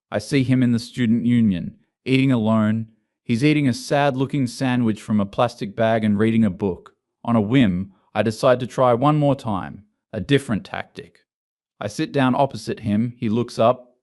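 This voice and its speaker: A man narrating an online story in a steady, scripted storytelling read. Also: mid-range voice.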